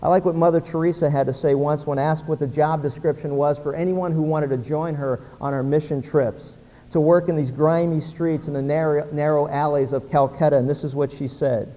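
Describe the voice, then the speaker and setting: A man's voice: on the high side, steady tone, fairly quick, dark tone, in a large hall. A man preaching a sermon, telling jokes and acting out their characters. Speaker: pastor.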